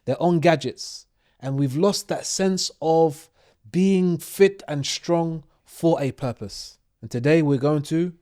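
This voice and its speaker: A man hosting a podcast interview, speaking in a measured, deliberate way. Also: a little high, mellow. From United Kingdom. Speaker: podcast host.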